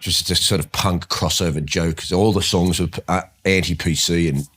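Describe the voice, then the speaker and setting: Australian man, very low voice, casual interview guest, animated ranting delivery. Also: moderate pace, husky. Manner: animated rants with laughs, rising loud. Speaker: guest comedian.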